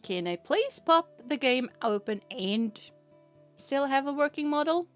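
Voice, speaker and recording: Faint music sits behind a high-voiced woman with lively intonation who takes her time. She is a native Swedish speaker with a Swedish accent, a VTuber chatting casually on stream, rambling, giggling and often laughing partway through sentences.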